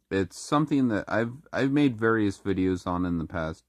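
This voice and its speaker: Slightly ill and clearing his throat, a deep-voiced man vlogs casually to camera, stumbling through fillers and restarts, though his intonation stays lively. It is recorded at studio quality with no echo.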